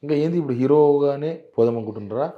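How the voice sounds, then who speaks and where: A man, a journalist briskly prodding his guest with questions. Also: a little high. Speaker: journalist interviewer. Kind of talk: interview questions. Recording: dull lo-fi interview audio.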